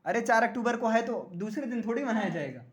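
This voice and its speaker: A man's voice: extremely high pitch, lively intonation, fast talker. Joking male grammar teacher. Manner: joking, keeps checking students understand. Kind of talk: classroom lecture.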